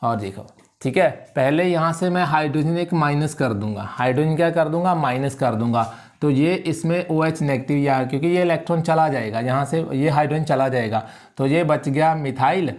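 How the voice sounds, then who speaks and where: A male chemistry teacher lecturing in a classroom, his voice sitting a little high for a man. He keeps checking that students understand and calls them "beta". He drags out key terms slowly so they can note them down. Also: a little mellow. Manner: checks understanding with repeated questions; repeats key words slowly for dictation.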